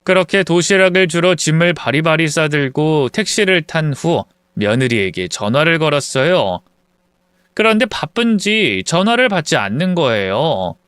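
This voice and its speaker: A man's voice: on the high side, big pitch swings, normal speed, fairly bright tone, clean tone, dry recording, clean studio sound. A man narrating a first-person story in a confiding, conversational retelling.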